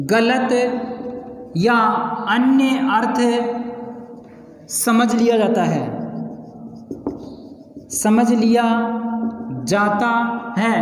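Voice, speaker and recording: A man teaching a class, explaining slowly and repeating each phrase word by word as if dictating notes. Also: very high-pitched, heavy reverb, long reverb tail. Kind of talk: slow, repetitive classroom explanation.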